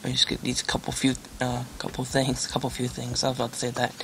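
A man's voice: mid-range voice, completely flat delivery, fast, vocal fry. A young man giving casual gameplay commentary, rambling and joking about himself, with lots of fillers. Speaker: gaming channel host. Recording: noisy home recording with keyboard clicks. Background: keyboard clicks and typing.

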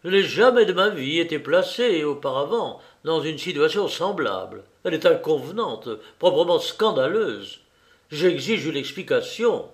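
A man reading an audiobook, voicing a portly, pompous older gentleman who speaks in a stiff, huffy, self-important way. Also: fairly high pitch, a little slow, close to an everyday voice. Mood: indignant.

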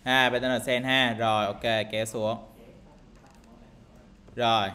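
A man's voice: medium pitch, level tone, measured pace, pushed and bright. A man teaching game programming in a screen-recorded tutorial, talking casually and thinking aloud with lots of fillers and tag questions. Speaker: programming instructor.

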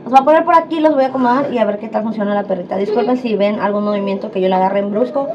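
A woman's voice: medium pitch, very fast. A woman, chatting casually to viewers in a home vlog. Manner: chatty, addresses viewers as friends. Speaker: vlogger. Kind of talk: casual vlog talk to camera. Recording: dull lo-fi sound with clear background noise.

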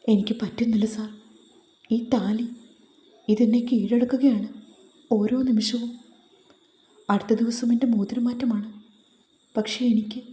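A woman's voice: on the high side, fairly even intonation, warm tone, natural voice. Woman reading as a tearful young woman. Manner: halting, broken-off phrases. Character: anxious young woman, an office worker, tearful. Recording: roomy echo.

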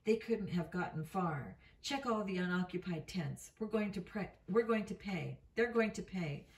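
A woman reading the lines of a bossy male cult leader who barks orders, in her own low voice. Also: expressive, moderate pace. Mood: commanding. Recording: roomy, mic at a distance.

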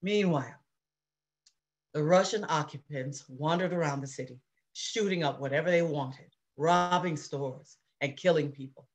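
A woman reading the part of an anxious mother recounting wartime, in an earnest, measured dramatic reading over a video call. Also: low-pitched. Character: anxious middle-aged mother recounting war. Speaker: reader in a play reading.

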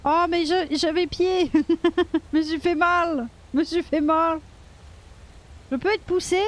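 A woman gaming streamer gives casual, playful let's-play commentary, swearing freely and talking back to the game's characters. Her voice is very high-pitched and fairly even in intonation, and she speaks slowly.

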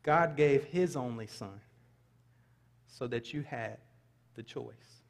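A man's voice: mid-range voice, slow pace, vocal fry. Pastor guy preaching on a big church stage, earnest with little asides, voice rings out in the hall. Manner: earnest preaching, reads scripture aloud, light asides. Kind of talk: sermon. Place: large church sanctuary stage. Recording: long reverb of a large hall.

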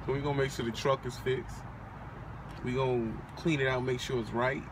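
A young man vlogging from a parked car in a relaxed, bragging tone, full of slang and cursing. He is picked up by a phone camera on the dashboard. Clear outdoor traffic noise runs underneath his voice. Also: medium pitch, a little fast. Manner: boastful, laid-back, slangy and profane. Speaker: vlogger, aspiring trucker. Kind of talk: casual chat.

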